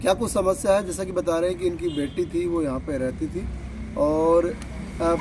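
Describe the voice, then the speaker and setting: Male street reporter, high voice. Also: steady tone. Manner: brisk, questioning. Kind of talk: street news interview. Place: outdoors by a road. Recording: outdoor street with traffic noise.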